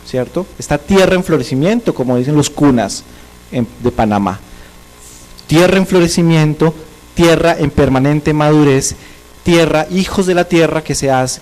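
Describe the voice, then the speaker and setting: A man with a fairly high-pitched voice offers reflective commentary as a seminar discussant. He speaks in short, measured phrases and builds his ideas slowly and philosophically. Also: a little mellow, low-quality recording.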